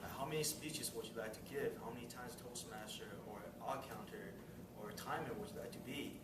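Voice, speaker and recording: A brisk man with a mid-range voice hosts a club meeting, friendly and chatty, with frequent small laughs between announcements. It's captured on a distant mic in a roomy meeting space with heavy noise.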